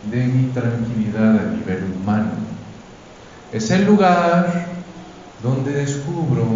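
A man preaching a Sunday homily, unhurried, searching for words and checking in with the congregation. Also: medium pitch, dark tone. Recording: echoey church hall, dull sound, faint noise.

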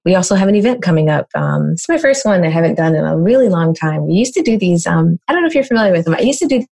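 Low, gravelly-voiced American woman explaining. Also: sing-song, dark tone. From United States. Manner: brisk, explanatory, rhetorical questions. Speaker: business coach guest. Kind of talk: conversational interview answers.

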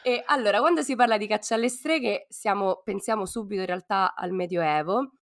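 A woman with a hoarse, cough-worn voice co-hosts a podcast, talking informally and playfully with plenty of slang. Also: mid-range voice, fairly quick. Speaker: podcast co-host. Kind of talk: casual podcast talk.

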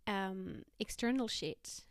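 A woman hosting a self-help podcast, talking conversationally in a measured, explanatory way. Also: medium pitch, animated, no echo, studio quality. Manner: measured, explanatory, listing examples. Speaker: podcast host.

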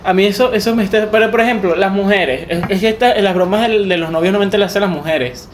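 A woman's voice: medium pitch, quick pace, slight background noise. A woman with a Venezuelan accent, co-hosting a casual chat podcast, telling stories and acting out quotes. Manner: chatty storyteller, acts out quotes. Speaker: podcast co-host.

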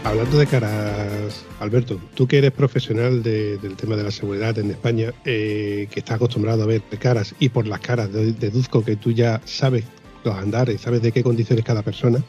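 A man's voice: lowish voice, steady tone, moderate pace, dark tone, soft background music. A man co-hosting a casual chat, asking long rambling questions. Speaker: co-host.

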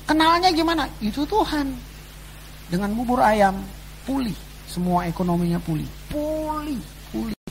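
A man preaching a sermon to his congregation, swinging between loud exclamations and quiet asides. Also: high voice, poor audio. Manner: addresses the congregation as "saudara". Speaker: pastor. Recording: faint background noise and hum.

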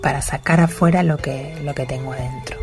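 Soft-spoken woman, low voice. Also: steady tone, a little fast. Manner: soft, reflective, with hesitant restarts. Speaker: poet guest. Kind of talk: recorded interview and poetry reading. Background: music.

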